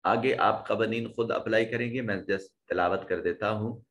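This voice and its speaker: A man's voice: lowish voice, moderate pace, fairly bright tone. A man teaching a tajweed lesson, explaining pronunciation rules step by step and demonstrating the sounds himself. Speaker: Quran teacher.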